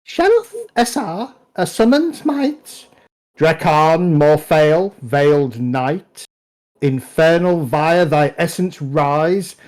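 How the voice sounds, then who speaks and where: A man voicing a male wizard who chants a slow demon-summoning incantation. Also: on the high side, animated, a little mellow. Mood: ominous chanting.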